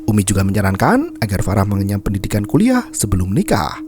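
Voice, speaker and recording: A man narrating a film recap in a dark, mellow voice that swings widely in pitch. His delivery is scripted and dramatic, and faint background noise sits under the voice. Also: huge pitch swings, fast.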